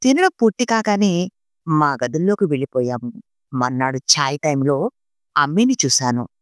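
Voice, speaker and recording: A woman narrating an audiobook story reading in an expressive storytelling manner. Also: deep voice, moderate pace, dry recording, clean studio sound.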